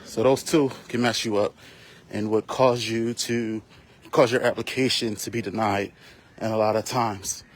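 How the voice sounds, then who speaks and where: A realtor giving casual, rambling tips on a live stream while walking outdoors, out of breath and full of fillers. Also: male voice, lowish voice, steady tone, unhurried.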